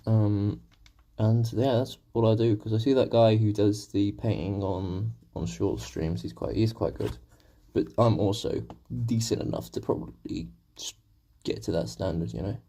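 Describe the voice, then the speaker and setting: At a normal pace and with a steady tone, a young man with a sore throat talks to his live-stream audience while he paints. His voice is low-ish, mellow, gravelly and husky, and his chat is rambling and self-mocking.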